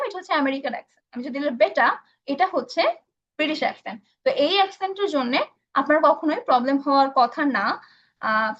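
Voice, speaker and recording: In a live online English class, a female instructor fields viewers' questions with a high, somewhat bright voice. She explains things patiently, using lots of fillers and slipping in English phrases, over dull lo-fi stream audio.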